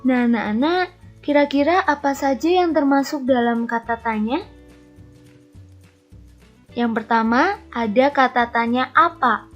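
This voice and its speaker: A primary school teacher gives an online lesson to young children in a high, unhurried voice with frequent pauses. She encourages them, speaks to them directly, asks them to pay attention, and tags her lines with "ya." The lo-fi recording carries faint music.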